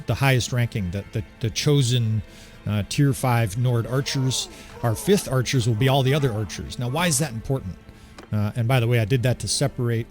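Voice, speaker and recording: A man's voice: medium pitch, a little mellow. Chatty man commentating gameplay. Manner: chatty, enthusiastic, keeps asking "right?". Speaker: gaming commentator.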